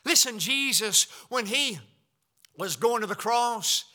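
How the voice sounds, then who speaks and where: Male pastor, sermon, high voice, very bright tone, fervent repeated phrases, rhetorical questions. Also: lively intonation, takes it slowly. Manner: fervent, repetitive preaching cadence with rhetorical questions; humorous asides to the congregation.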